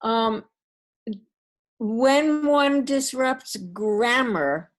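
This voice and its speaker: A woman's voice: fairly high pitch, lively intonation, drawn-out words. A woman asking an interview question, hesitant and searching for her words.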